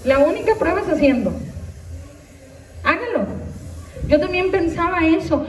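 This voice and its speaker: A woman's voice: extremely high pitch, animated, measured pace, roomy sound, distant mic, slight background noise. A woman pastor preaching a sermon, questioning and exhorting her congregation directly. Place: church hall.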